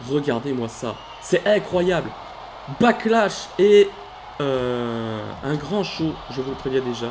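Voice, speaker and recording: A man calling a wrestling video game match play by play, animated, bursting into shouts at big moves and stopping to correct himself. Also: mid-range voice, slow pace, a little hiss or hum. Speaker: let's play commentator. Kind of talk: excited play-by-play game commentary.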